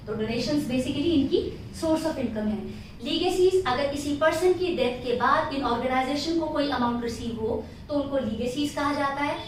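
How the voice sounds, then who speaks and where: Indian woman teacher, high voice, self-answering lecture style, faint background hiss. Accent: Indian English. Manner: explains step by step, asks questions and answers them herself. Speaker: accounting teacher. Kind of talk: classroom lecture. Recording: echoey room, distant from mic.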